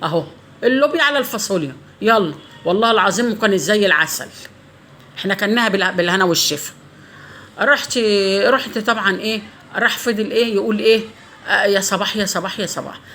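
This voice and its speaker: A woman's voice: mid-range voice, fast talker, pauses often, bright, forceful tone, slight background noise. A middle-aged woman with an Egyptian accent, telling a funny story in a casual home cooking vlog, swearing by God often. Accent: Egyptian Arabic.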